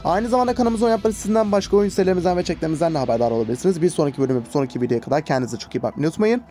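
Man, gaming host, let's play commentary, fairly high voice, exasperated exclamations. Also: animated, racing, mellow, faint music behind. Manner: chatty, exasperated exclamations while fighting.

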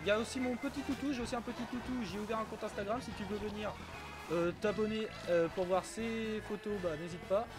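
A man's voice: high voice, steady tone, quick pace, music in the background. A man streaming a kart racing game live, chatting casually with viewers, often stumbling and repeating himself and swearing now and then.

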